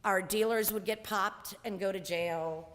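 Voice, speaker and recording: A woman's voice: medium pitch, fairly even intonation, unhurried, a bit bright, in a large hall. A woman in her forties telling a candid, wryly humorous personal story on stage.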